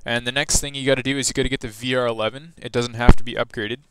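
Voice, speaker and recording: A man's voice: medium pitch, steady tone, racing, very noisy. A teenage guy casually narrating a gameplay walkthrough, rambling loosely with lots of fillers and restarts. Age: teens. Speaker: gaming video host.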